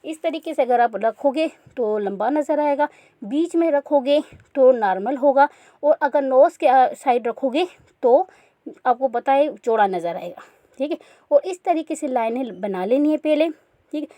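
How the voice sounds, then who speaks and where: A woman's voice: sits high, animated, unhurried, warm tone, dry recording. A woman teaching a makeup class in a chatty tutorial style, often checking in with her listeners. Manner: chatty, repeats "theek hai" often. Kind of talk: casual tutorial instruction.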